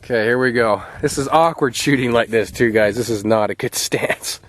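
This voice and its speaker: Excited man chatting to camera outdoors. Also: medium pitch, no room sound. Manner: enthusiastic, chatty, with frequent pauses. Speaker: video host. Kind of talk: casual running commentary to camera. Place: outdoor shooting spot.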